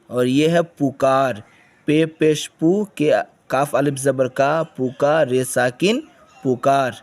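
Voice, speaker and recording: A man teaching beginners to read, going letter by letter and saying each word again and again. His voice sits at an ordinary middle pitch, and the delivery is slow and steady like a classroom drill. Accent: Indian Urdu. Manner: slow, repeats each word several times, sounds out letters. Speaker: Urdu reading teacher. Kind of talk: spelling out words for beginners.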